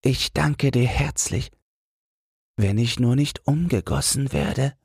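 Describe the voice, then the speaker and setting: A man's voice: medium pitch, animated, slow pace, a little mellow, husky, no room sound, clean studio sound, pitched above the performer's own voice, heavily acted. A man voicing a humble old street lantern in a fairy-tale audiobook, fretful and tender. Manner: worried, keeps repeating a single fear.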